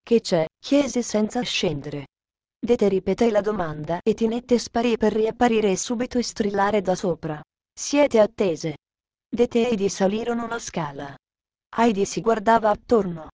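Brief: woman narrator for a storybook, calm measured read, dry close sound. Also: mid-range voice, no echo. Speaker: audiobook reader.

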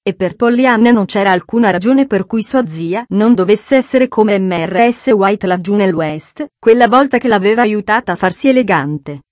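A woman narrating an audiobook in a measured, expressive storytelling voice. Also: medium pitch, no echo.

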